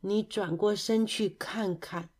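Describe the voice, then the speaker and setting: A woman voicing a small, excitable rabbit who scolds shrilly and indignantly in a children's storybook. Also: sits high, a little slow, voice pushed up. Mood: weary.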